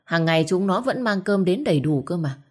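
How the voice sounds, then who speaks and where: A woman's voice: on the low side, expressive. A woman voicing a cold, resentful middle-aged son who scolds his sick father sharply. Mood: scolding. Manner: sharp, scolding, quick retorts.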